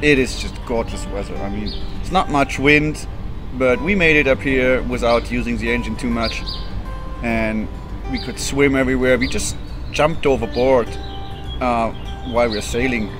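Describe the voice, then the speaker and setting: Guy talking outside, excited about sailing, music playing under him. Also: mid-range voice, normal speed. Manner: enthusiastic, talks about sailing with the wind. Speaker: sailing vlog host. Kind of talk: casual chat. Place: outdoors in a sunny town plaza. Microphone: camera held at arm's length.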